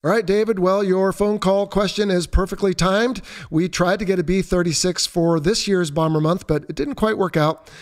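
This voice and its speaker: A man's voice: high voice, moderate pace, hardly any pauses. Upbeat fifty-year-old male podcast host. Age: 50s. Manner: relaxed, joking, conversational. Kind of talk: reading listener questions and answering.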